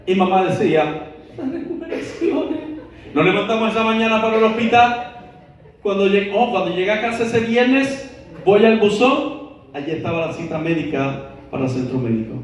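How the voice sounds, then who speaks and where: A man preaching a sermon, telling a personal story in a lively way and acting out the voices of the people in it. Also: high-pitched, normal speed. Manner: storytelling, acts out quoted voices. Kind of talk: sermon testimony. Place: church hall. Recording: echoey hall, mic far off.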